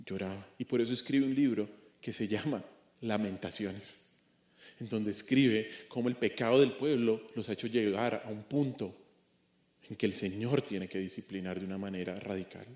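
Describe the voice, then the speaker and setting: A man's voice: fairly low pitch, normal speed, darkish tone, reverberant. A man preaching an expository sermon as a pastor, earnest, asking rhetorical questions and repeating his points. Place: church.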